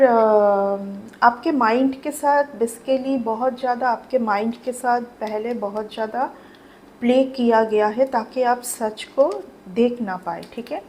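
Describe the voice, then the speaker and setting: A woman's voice: fairly high pitch, a little mellow, slight background noise, rough recording. A woman giving a casual tarot reading to her viewers, chatty and repeating her phrases, mixing English words into Hindi. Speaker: tarot reader.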